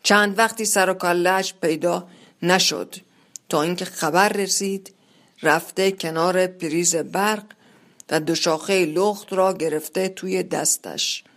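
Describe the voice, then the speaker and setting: A measured storyteller reading a literary tale aloud in the first person. The delivery is steady and deliberate, paced for listening. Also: mid-range voice.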